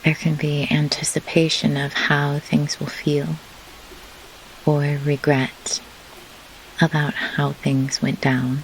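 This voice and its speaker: With pauses between her measured, deliberate phrases, a low-voiced woman who works as a grief doula walks listeners through a slow guided meditation. Behind her runs a clear pink-noise hiss like steady rain, and the recording is low quality.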